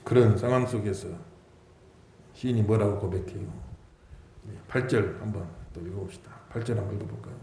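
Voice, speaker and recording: A man preaching a sermon as pastor, dramatic, acting out mocking taunts and swinging between loud and soft. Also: lowish voice, fairly quick, slight background noise. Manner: dramatic preaching with mocking quoted taunts, swelling and dropping loudness. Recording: echoey church hall.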